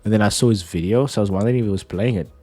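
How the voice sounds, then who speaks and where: A male streamer with a sinus cold, his voice stuffy and nasal, chats very fast about games in a laid-back, joking way, calling the listener "dude" and "bro." His pitch is fairly low and his tone mellow, with soft music in the background.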